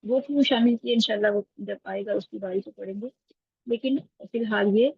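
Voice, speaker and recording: A woman's voice: mid-range voice, breathy edge, no room sound. A woman teaching Quran recitation in an online class, explaining patiently step by step and checking in with her students. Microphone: video call. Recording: dull lo-fi online call audio.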